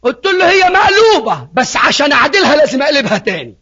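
A preacher with an Egyptian Arabic accent giving a passionate evangelistic sermon, alternating between loud appeals and hushed words. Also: male voice, extremely high pitch, sing-song, racing. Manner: passionate, retells dialogues, swings from loud to hushed. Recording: muffled lo-fi recording.

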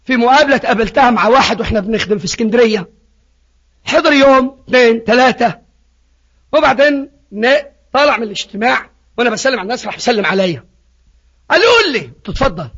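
A preacher with an Egyptian Arabic accent giving a passionate evangelistic sermon, alternating between loud appeals and hushed words. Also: male voice, very high-pitched, fast. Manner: passionate, retells dialogues, swings from loud to hushed. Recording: muffled lo-fi recording.

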